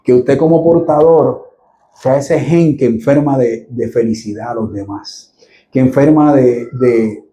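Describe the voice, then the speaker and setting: A man's voice: medium pitch, a little hiss or hum. A middle-aged man, preaching a sermon to a church and speaking straight to his listeners with humor. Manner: lively, jokes with the congregation, addresses listeners directly.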